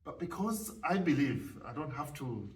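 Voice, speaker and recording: A man from Zambia with a Zambian accent, speaking thoughtfully on a panel discussion and pausing often with fillers. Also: on the high side, very animated. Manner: thoughtful, halting with many fillers. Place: event hall at a panel discussion. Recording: distant mic, faint room noise.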